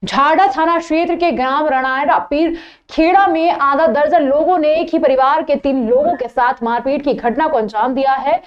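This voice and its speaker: A woman with a high voice reads the local news in a formal, even newsreader style. The audio is dull and lo-fi. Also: moderate pace. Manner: formal, steady newsreader delivery. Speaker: news anchor. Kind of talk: scripted news reading.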